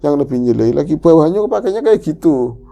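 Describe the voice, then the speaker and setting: A man's voice: expressive, brisk, vocal fry, mellow, a little hiss or hum. A man, dramatically telling a first-person horror story as podcast host, acting out the quotes. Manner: dramatic, swings pitch and acts out quotes.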